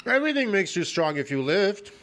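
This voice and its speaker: A man's voice: high voice, big pitch swings, brisk, fairly bright tone. A man in his fifties ranting in a reaction video from home, scornful and profane, constantly tossing in "man" and "bro.". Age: 50s. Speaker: fitness video host.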